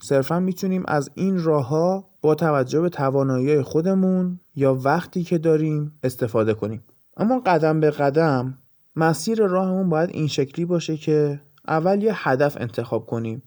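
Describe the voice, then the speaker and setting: A man's voice: a little high, animated, dark tone. Persian man hosting a podcast. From Iran. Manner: explanatory, lists ideas in short phrases. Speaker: podcast host. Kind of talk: scripted podcast monologue.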